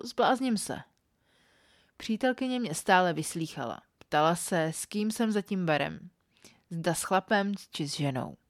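A woman reading an erotic story aloud in a calm, even first-person storytelling manner. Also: lowish voice, dry recording, clean studio sound. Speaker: podcast storyteller.

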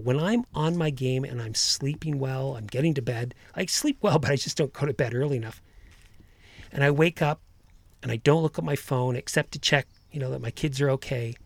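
Guy podcast coach, motivational talk, earnest n emphatic, kinda creaky voice, dry recording. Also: medium pitch, no room sound.

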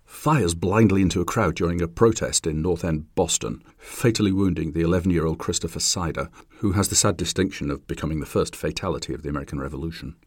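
Very deep-voiced wry English man. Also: slightly rough, no echo, studio quality. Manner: wry, dryly humorous asides between measured formal reading. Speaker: podcast host. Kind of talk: podcast reading of a classic text.

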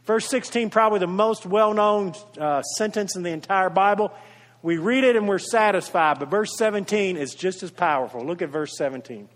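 A man's voice: high-pitched, normal speed. Earnest preaching man in a reverberant church. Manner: earnest preaching, swells louder then drops to soft, intimate tones. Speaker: pastor. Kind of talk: sermon. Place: church sanctuary. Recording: long reverb of a large church hall.

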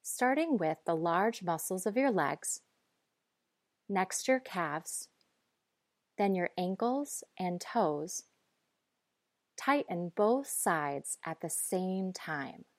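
A woman guiding breathing and muscle relaxation in a calm, measured, instructive way. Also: lowish voice, dry recording, studio quality. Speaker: guide.

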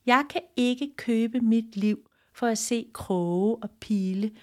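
Wise old-soul deer king, a woman doing the voice, solemn and steady, storybook style. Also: fairly high pitch, close to an everyday voice. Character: noble calm male deer king, wise.

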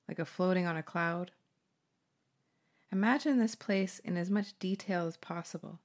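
A woman hosting a guided meditation, speaking slowly and soothingly with gentle pauses. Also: lowish voice.

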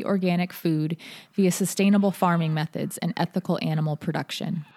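A woman with a slightly low voice narrates a scripted first-person story as a podcast host. Her delivery is measured and articulate, shaped like careful storytelling. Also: a little mellow.

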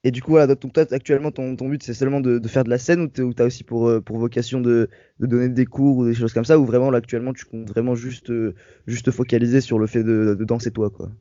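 A man's voice: medium pitch, fairly even intonation, fast talker, dark tone, no echo. A man hosting an interview over a phone call, hesitant and often repeating his words. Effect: over a phone call line. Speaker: interviewer, host. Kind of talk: casual interview. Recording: dull lo-fi call line.

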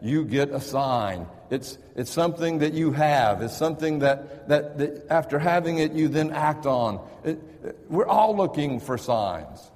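A man's voice: fairly high pitch, expressive, measured pace, few pauses, a little mellow, long reverb tail. A man preaching a sermon in a conversational, storytelling manner. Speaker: pastor.

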